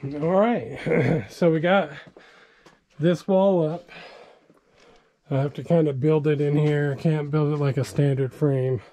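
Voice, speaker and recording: A man's voice: fairly high pitch, fairly even intonation, slow pace, pauses often, mellow. A middle-aged man giving a casual, rambling walkthrough of his basement build, with lots of "um"s, recorded on an action camera in an unfinished basement. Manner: rambling, filler-heavy explaining. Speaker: DIY vlogger. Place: unfinished basement under construction.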